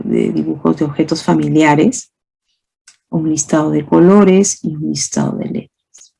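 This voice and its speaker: A woman's voice: sits low, gravelly, dark tone, slightly rough. A woman teacher giving a lecture to other teachers, explaining with spoken examples and rhetorical questions and often asking "¿no?". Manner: often asks "¿no?" to check understanding. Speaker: teacher speaking to fellow teachers. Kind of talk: recorded lecture on early reading.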